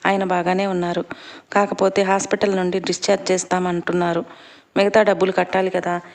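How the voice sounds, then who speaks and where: A woman's voice: fairly low pitch, flat delivery, fairly quick, close to an everyday voice. A woman voicing a worried adult woman who speaks in a troubled, pleading way.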